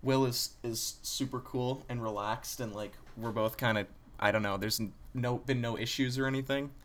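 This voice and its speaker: A man's voice: mid-range voice, fairly even intonation, moderate pace. Young man rambling in casual chat. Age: young adult. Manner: rambling, lots of "like" fillers. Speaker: college student.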